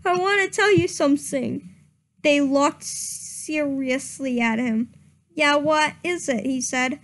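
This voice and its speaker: Unhurried and high-pitched, this young female streamer performs a giggly, mock-dramatic reading, tripping over her words.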